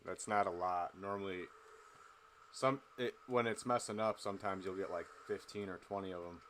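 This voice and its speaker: A young man chatting casually on a late-night game stream, relaxed and rambling with lots of fillers. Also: low voice, normal speed, slight background noise.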